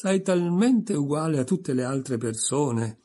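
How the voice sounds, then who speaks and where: Man playing a stern, pompous storybook egg, raised loud voice, dark and husky. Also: fairly high pitch, animated, measured pace, voice pushed up. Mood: dismissive. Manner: pompous, stern, recites verse. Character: pompous stern egg-shaped male creature.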